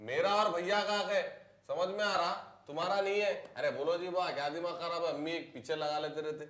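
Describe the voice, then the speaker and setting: A man's voice: fairly high pitch, steady tone, brisk, a bit bright, close to an everyday voice. A man playing a lazy, rude younger brother with a Hyderabadi accent. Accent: Hyderabadi Urdu. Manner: rude, cocky.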